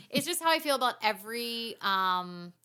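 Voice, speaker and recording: Bright-voiced chatty woman host. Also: fairly high pitch, clear, resonant tone. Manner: chatty and self-mocking, laughs often. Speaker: podcast host. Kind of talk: casual chat.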